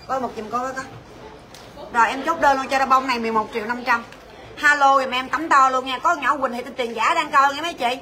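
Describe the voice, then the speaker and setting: High, bright saleswoman. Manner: rapid, coaxing sales patter calling out prices. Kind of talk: livestream sales pitch.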